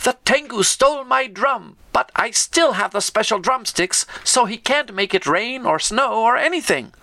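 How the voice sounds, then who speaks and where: A man's voice: very high-pitched, lively intonation, moderate pace, vocal fry, sharp tone, no room sound, exaggerated voice. A man voicing an earnest male thunder god in a storybook tale. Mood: worried.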